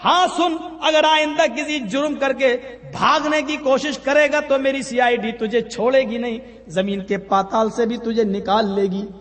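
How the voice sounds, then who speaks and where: Brief: a preacher playing a stern ruler of authority, firm and warning, high-pitched, in a reverberant hall. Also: male voice, steady tone, a bit bright. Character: stern just caliph, older man of authority.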